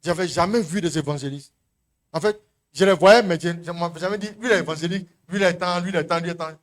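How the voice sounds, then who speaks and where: A middle-aged man from Côte d'Ivoire with an Ivorian French accent, preaching a sermon as a pastor and telling a story, acting out voices and swinging between loud calls and murmured asides. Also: high-pitched, quick pace.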